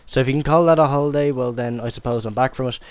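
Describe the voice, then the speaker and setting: A man's voice: medium pitch, rapid-fire, darkish tone, no echo. Rambling young Irish-raised gamer man. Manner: rambling, stammering with many fillers. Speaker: gaming commentator. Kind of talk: casual gameplay commentary.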